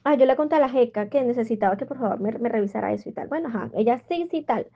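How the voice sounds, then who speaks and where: A woman's voice: on the high side, animated, rapid-fire. A young woman, chattily telling a rambling story in a casual voice message. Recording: tinny phone-like audio.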